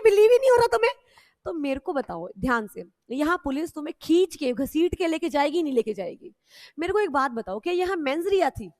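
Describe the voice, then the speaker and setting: A woman law teacher, lecturing a class in a loud, animated way, teasing her students and mixing with English. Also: high-pitched, dry recording, studio quality.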